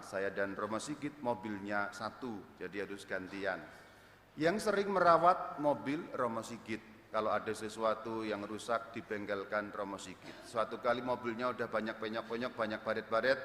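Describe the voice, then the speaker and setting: Lively male priest in echoey church. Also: mid-range voice, a little hiss or hum. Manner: lively storyteller, acts out surprise, loud bursts. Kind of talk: homily telling a personal story. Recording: echoey church with long reverb.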